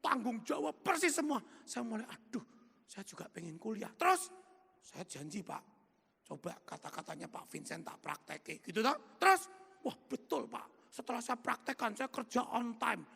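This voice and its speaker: An earnest, grateful young tailor, played by a man retelling a story, speaks politely. The voice is high, gravelly and husky. A long hall reverb trails behind every word. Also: sing-song, moderate pace, sharp tone, heavily acted. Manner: polite, keeps saying "Pak".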